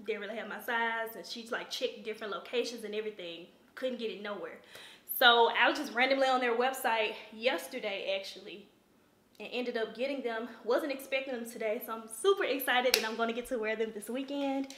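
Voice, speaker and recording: A young woman, from Memphis, chatting excitedly to camera while getting ready at home. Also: a little high, brisk, roomy sound. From Memphis, USA. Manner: chatty, excitable, lots of "like" and "y'all". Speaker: lifestyle vlogger. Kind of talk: casual chat to camera. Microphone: camera or phone camera.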